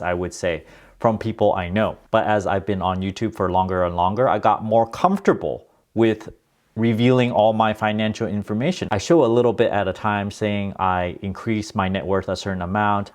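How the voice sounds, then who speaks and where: A man with a fairly low voice talks straight to camera in a relaxed, candid way. He runs his own channel and explains things plainly and matter-of-factly, like a casual chat. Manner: chatty, candid, matter-of-fact. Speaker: personal finance YouTuber.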